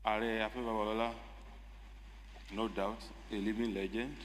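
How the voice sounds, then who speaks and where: A man with a Nigerian accent giving a measured, emphatic formal speech as a state lawmaker. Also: lowish voice, flat delivery. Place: legislative chamber. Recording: echoey assembly hall with faint noise.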